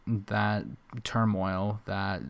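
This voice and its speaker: A man's voice: fairly low pitch, flat delivery, extremely slow, creaky, clean tone. Sarcastic man reacting with teasing jabs. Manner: sarcastic, teasing, laughs often. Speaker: reaction commentator. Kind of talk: casual reaction commentary.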